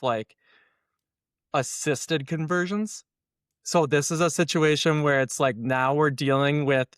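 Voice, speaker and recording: An SEO consultant appears as an interview guest, speaking casually and with strong opinions, acting out imagined dialogue as he animatedly explains. His voice is on the high side, clear and resonant, in a clean studio recording with no room sound.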